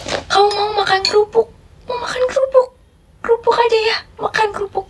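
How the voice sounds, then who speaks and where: Casting: a woman as a weepy mother guilting her child, high teary pleading. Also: fairly even intonation, quick pace, far from the mic, heavy background noise, close to an everyday voice. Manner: sobbing, pleading, guilt-tripping.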